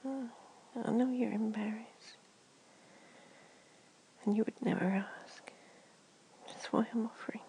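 A woman in an ASMR comfort roleplay, talking in a soft, gentle whisper. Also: fairly high pitch, fairly even intonation, a little slow, vocal fry, long pauses, slight background noise. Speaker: ASMR performer.

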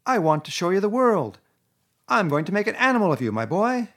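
A man voicing a boastful, excitable male toad in a storybook reading, loud and gushing. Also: sits high, fairly quick, voice pushed up, heavily acted.

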